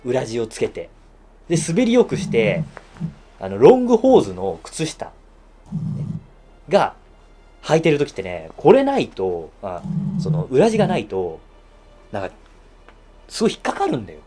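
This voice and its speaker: Lively, chatty Japanese man. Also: normal speed, long pauses, slight background noise. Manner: chatty, laughs often, lively swings in pitch. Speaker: shoe-shine YouTuber reviewing his bespoke suit. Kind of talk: casual show-and-tell review.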